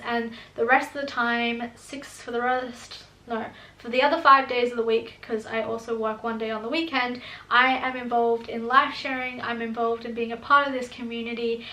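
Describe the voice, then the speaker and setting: A young woman in her early twenties talks through viewer questions in a chatty vlog, laughing often and restarting her sentences. Her voice is high and bright, held in a narrow pitch range. The room around her is echoey. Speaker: student vlogger. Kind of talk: casual Q and A vlog.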